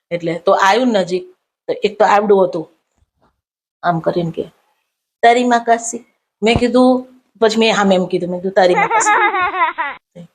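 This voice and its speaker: Woman, comic storyteller, mid-range voice, acts out her anecdotes. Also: medium pitch. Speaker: comedian storyteller.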